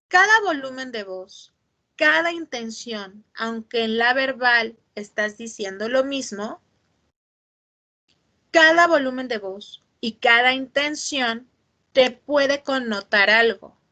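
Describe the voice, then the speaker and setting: Woman teacher, fairly high voice, expressive, online lecture over a video call. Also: slow pace. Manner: expressive, asks for checks with "¿sí?" and "ujú".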